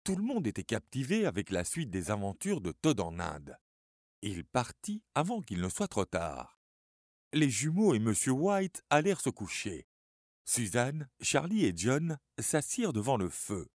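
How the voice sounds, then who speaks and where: Expressive male story narrator. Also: medium pitch, unhurried, no room sound, studio quality. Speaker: audiobook narrator.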